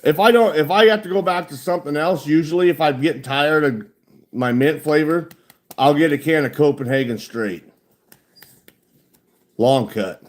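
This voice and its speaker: A man's voice: on the high side, moderate pace, pauses often. A man, chatting bluntly and profanely with a lip full of chewing tobacco. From United States. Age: 40s. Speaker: livestreamer chatting with viewers. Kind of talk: casual chat.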